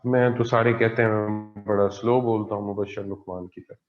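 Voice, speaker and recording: A man's voice: lowish voice, fairly even intonation, normal speed, lo-fi sound, faint music behind. A man teaching an online science class. He explains patiently and repeats key points. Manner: patient, repetitive explaining with frequent "theek hai ji".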